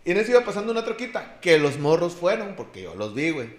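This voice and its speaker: A man's voice: fairly high pitch, very animated, fast talker, roomy sound. A man in his twenties with a Mexican Spanish accent, telling a story in casual chat, slangy, with a filler in every phrase. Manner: slangy, peppers every phrase with a filler, acts out voices in quotes.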